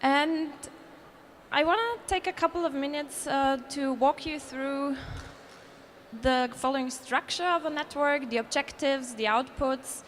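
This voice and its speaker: High-voiced Austrian woman presenting. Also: unhurried, a bit bright, a little hiss or hum. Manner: earnest, with restarts and self-corrections. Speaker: conference presenter. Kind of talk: conference presentation. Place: conference hall.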